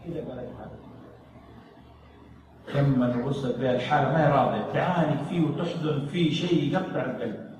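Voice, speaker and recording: Impassioned preacher in a hall. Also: male voice, medium pitch, fairly quick, long pauses. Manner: impassioned, swinging from loud pleading to hushed. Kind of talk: emotional sermon storytelling. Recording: echoey hall, distant mic, faint noise.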